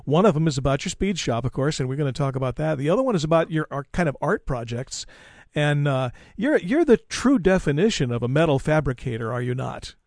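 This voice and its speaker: A man's voice: on the high side, sing-song, brisk, darkish tone, no room sound, studio quality. An older man hosting a casual interview, chatty and conversational. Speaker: interview host.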